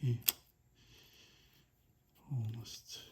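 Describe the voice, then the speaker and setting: A hobbyist demonstrates a tape deck repair, talking casually while he works in a slow, halting, mellow voice. He holds his phone in front of him to record, and there's a little hiss or hum.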